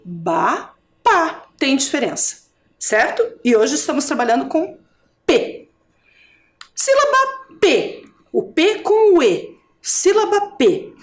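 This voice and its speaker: Slow, lively-voiced woman teacher from Curitiba. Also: high-pitched. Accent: Brazilian Portuguese, from Curitiba. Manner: slow, drawn-out syllables for drilling; asks the viewer questions. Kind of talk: adult education video lesson.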